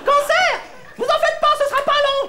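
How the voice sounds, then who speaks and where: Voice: little pitch movement, heavy background noise. A performer playing a fussy, gossiping middle-aged housewife, catty and melodramatic, in a one-person stage comedy. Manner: shrill, catty, melodramatic, fast-switching asides.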